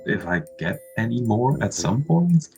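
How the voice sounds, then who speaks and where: A man's voice: lowish voice, very animated, measured pace. A man chatting casually and improvising as a player in a tabletop role-playing game. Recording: music playing behind.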